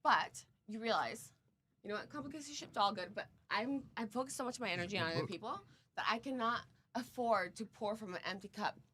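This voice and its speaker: A woman in her thirties rattles on quickly and bluntly, swearing freely as she chats on a podcast. Her voice is bright and forceful, with a faint hum of noise behind her. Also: medium pitch. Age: 30s. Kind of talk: casual chat.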